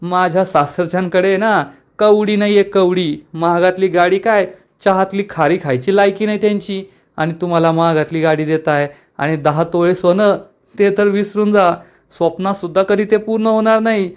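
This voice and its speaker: A man's voice: sits high, steady tone, normal speed, clear, resonant tone, lightly acted. A man voicing a scheming young sister-in-law who talks in a wheedling, gossipy way.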